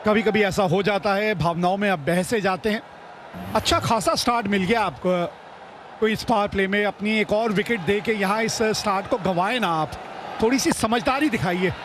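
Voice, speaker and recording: A man's voice: high-pitched, moderate pace, fairly bright tone. A man doing live cricket play-by-play in broadcast style, with an emphatic, rhetorical way of talking. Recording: clear stadium noise behind voice.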